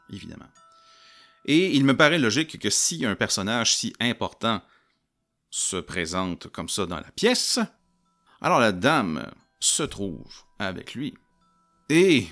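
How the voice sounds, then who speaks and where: Speaking with a Québécois French accent, a man narrates his solo tabletop roleplaying game and jokes around with his audience in a lively way. His voice sits on the low side.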